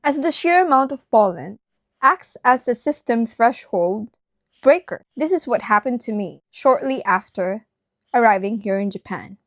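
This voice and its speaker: A woman's voice: a little high, animated, a little slow, dry recording, studio quality. A woman vlogger narrating a personal story directly to her viewers.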